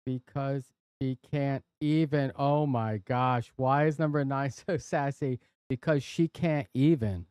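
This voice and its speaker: A man's voice: mid-range voice, takes it slowly, few pauses, a little mellow, smooth, no echo. A man hosting a live stream from his workshop, chatting casually and playfully reading out viewer jokes. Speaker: livestream host. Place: workshop and studio.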